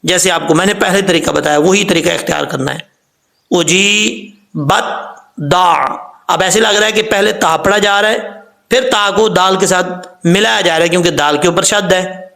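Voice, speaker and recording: Pakistani guy teaching quran reading, high voice, kinda gravelly, stretches out the words he recites. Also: steady tone, pushed and bright. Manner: slow drawn-out spelling and recited words between quick explanations. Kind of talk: explaining pronunciation and recitation.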